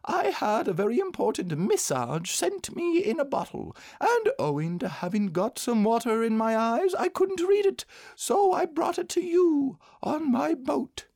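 A reader voicing a small, proud, innocent male toy bear in a children's storybook, speaking in a slow, earnest, simple way. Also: high-pitched, sing-song, a little mellow, dry recording, clean studio sound, pitched above the performer's own voice, heavily acted. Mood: proud, pleased.

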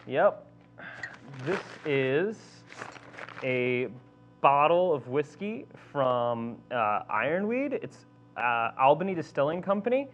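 Relaxed male podcast co-host, easygoing conversational reads, slightly muffled audio. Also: on the high side, slow. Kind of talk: casual podcast chat. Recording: slightly dull sound.

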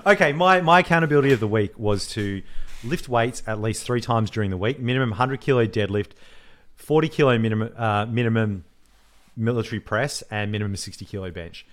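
A young man co-hosting a podcast, telling stories in a lively way, teasing his co-host and swearing freely. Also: fairly low pitch, fairly quick. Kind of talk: casual chat.

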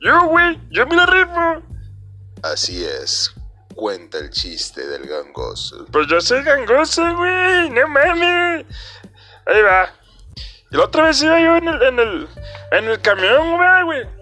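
A man voicing a brash young man with a nasal voice and a Mexican accent, telling a joke in loud, rambling street slang. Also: very high voice, huge pitch swings, unhurried, faint music behind, pitched above the performer's own voice, heavily acted. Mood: rowdy.

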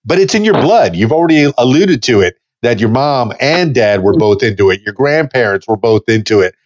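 A man's voice: mid-range voice, sing-song. A man in his fifties hosting a podcast interview, talking eagerly with frequent restarts. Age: 50s. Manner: halting, restarts words, enthusiastic. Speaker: podcast host. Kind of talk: casual interview chat. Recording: slightly dull lo-fi audio.

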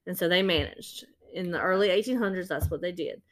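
A woman's voice: on the low side, a little fast. A woman co-hosting a podcast, casually retelling an old story with lots of fillers and restarts. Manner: rambling, filler-heavy retelling. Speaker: podcast co-host.

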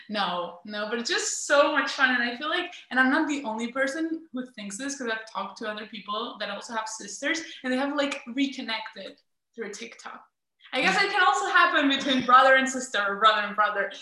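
A woman with a high, bright voice tells chatty stories on a podcast, giggling as she goes. The sound is roomy, with the echo of a bare room around her video call mic. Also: normal speed. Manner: giggly and animated storyteller. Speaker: podcast co-host. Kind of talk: casual chat.

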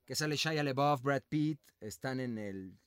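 Young mexican dude hosting, all hyped, laughs loud, dry mic. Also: male voice, medium pitch, unhurried, clean tone, no echo. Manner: excitable, laughs loudly, swears casually. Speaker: podcast host. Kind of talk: casual chat about films.

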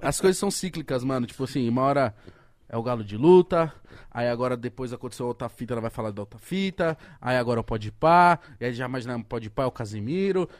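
A man's voice: medium pitch, lively intonation, quick pace. A man hosting a casual, joking podcast chat. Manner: slangy, joking.

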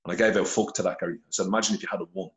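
A man's voice: low voice, fairly even intonation, rapid-fire, a bit bright, roomy sound, poor audio. A middle-aged Irish man with a blunt, earnest manner and heavy swearing, telling his story as a podcast guest over a phone. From Ireland. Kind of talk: candid conversational storytelling. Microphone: phone held to face.

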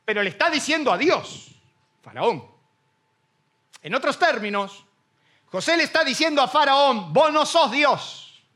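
High-voiced Argentine pastor preaching. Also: male voice, normal speed, pauses often. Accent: Rioplatense Spanish. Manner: animated preaching, acts out quoted voices. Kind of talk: sermon.

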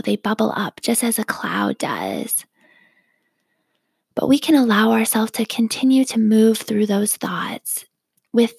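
A woman guides a meditation in a hushed, breathy half-whisper, with a gravelly fry at the ends of her phrases. She speaks slowly and calmly, gently leading the listener. The sound is dry and close, with no room around it. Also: fairly high pitch, no room sound. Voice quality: soft whispery breathy delivery. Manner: slow, calm, gently instructive.

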